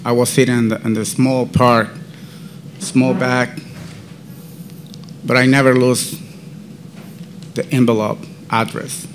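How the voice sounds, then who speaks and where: As a podcast guest, a man shares a personal faith testimony in halting, non-native English marked by a strong Central American Spanish accent. He speaks slowly and deliberately in careful phrases at a mid-range pitch with flat delivery, over faint background noise.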